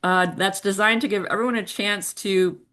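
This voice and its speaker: Over a computer mic on a video call, a woman welcomes attendees to a poetry reading she's hosting from home. She speaks at normal speed in a steady, medium-pitched, slightly bright voice, laying out the event instructions politely and in order, often saying um.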